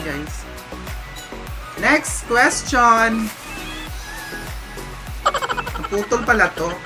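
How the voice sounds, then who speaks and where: A man with a Visayan accent chatting casually through a vlog Q&A, giggly and slipping English phrases into his talk. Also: high voice. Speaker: vlogger. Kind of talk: casual Q&A chat. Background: background music.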